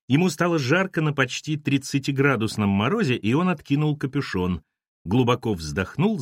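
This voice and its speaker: A man narrating an audiobook in an expressive, lively reading. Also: mid-range voice, no room sound, clean studio sound. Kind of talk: scripted narration.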